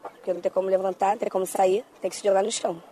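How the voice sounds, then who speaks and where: An anonymous woman resident speaking through a voice changer that disguises her voice, telling her account in rushed, tumbling bursts. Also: mid-range voice, little pitch movement, dark tone, a little hiss or hum. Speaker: anonymous local resident interviewed. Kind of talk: street interview clip in a news report.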